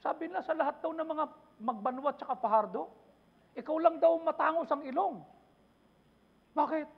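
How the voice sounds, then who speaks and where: Man, pastor, impassioned sermon, high voice, gravelly, muffled church recording. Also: normal speed. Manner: impassioned preaching mixing Tagalog and English, repeated rhetorical questions.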